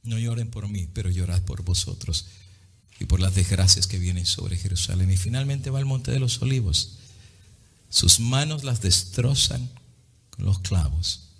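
A man preaching a dramatic sermon, swinging between loud and hushed, slipping into English now and then. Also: low voice, measured pace, creaky, breathy edge.

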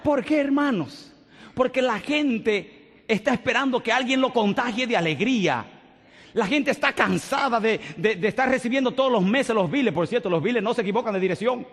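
A man's voice: very high voice, lively intonation, normal speed, fairly bright tone, breathy edge. Preacher man in a reverberant church. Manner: joyful, storytelling preacher who laughs as he preaches. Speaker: pastor. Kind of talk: sermon. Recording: long reverb of a church hall.

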